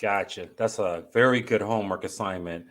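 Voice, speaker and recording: A man's voice: fairly low pitch, a little fast. A man hosting a talk show as a therapist, giving direct, informal advice in a conversational way.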